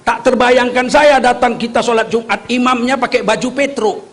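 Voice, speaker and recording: Male preacher, strikingly high voice, fiery and joking, works the crowd with call-and-response. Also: fairly even intonation, normal speed, a bit bright, a little hiss or hum. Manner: fiery, joking, prompts the crowd to answer back. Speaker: Islamic preacher. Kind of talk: rousing sermon with call-and-response.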